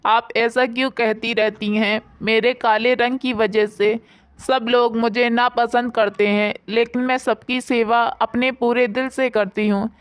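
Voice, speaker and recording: A woman's voice: on the high side, level tone, a little slow, clean tone, no echo, lightly acted. A woman voicing a meek, kind young daughter-in-law who speaks earnestly, in a storybook. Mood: pleading. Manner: pleading, earnest.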